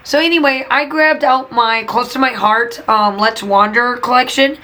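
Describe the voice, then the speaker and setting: Speaking at a normal speed, a woman with a fairly high, sharp voice records a casual voiceover for her craft channel. She teaches and runs a scrapbooking channel, and here she's losing her voice while chatting, venting, and emphatically repeating points into a voiceover mic.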